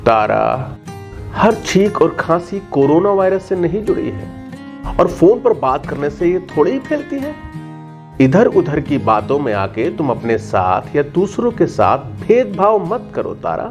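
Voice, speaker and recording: A man voicing a gentle, patient father who soothes and kindly explains things to his child. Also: a little high, big pitch swings, unhurried, over music. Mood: reassuring.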